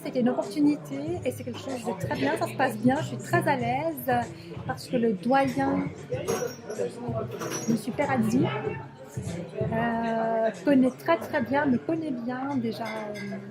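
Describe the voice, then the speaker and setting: Woman, high voice, sign interpreter speaking in first person; halting delivery, loud music behind, café setting. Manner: halting, searching for words as she interprets.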